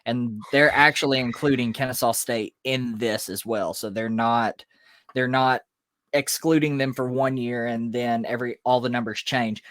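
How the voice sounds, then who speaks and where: A man's voice: medium pitch, fairly even intonation, moderate pace, fairly bright tone, dry recording. A man co-hosting a casual sports podcast, explaining news step by step with frequent ums. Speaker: podcast co-host.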